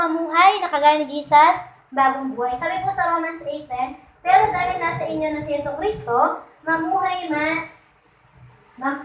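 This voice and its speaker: A Filipina woman preaching a Sunday sermon in a high voice. She talks to the congregation like a chat, keeps checking in with them, and slips into little voices for the people she quotes. Her voice rings around an echoey church hall. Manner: conversational, keeps asking the congregation "di ba?".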